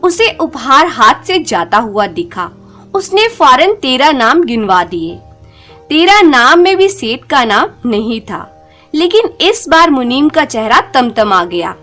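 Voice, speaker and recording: A storyteller narrates a scripted Hindi folk tale with a moral, her voice high and very lively. She takes her time, expressive, her melody rising and falling across every sentence, while music plays clearly in the background.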